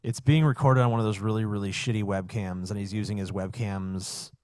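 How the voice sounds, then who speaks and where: A man's voice: lowish voice, fairly even intonation, brisk, a little mellow, dry recording, clean studio sound. A man co-hosting a podcast, chatting casually with blunt opinions and swearing. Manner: blunt, profane. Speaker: podcast co-host.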